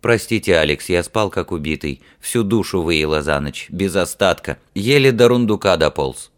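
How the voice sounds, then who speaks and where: A man voicing a calm, earnest ship's officer. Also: deep voice, moderate pace. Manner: calm, serious, plain-spoken. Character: earnest, weary male ship's officer and mage.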